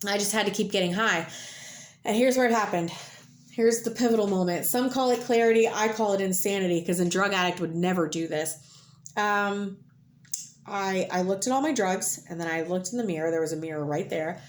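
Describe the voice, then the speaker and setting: A woman's voice: medium pitch, fairly quick, slight background noise. A woman telling a blunt, candid personal story about recovering from addiction, at times emotional. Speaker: host.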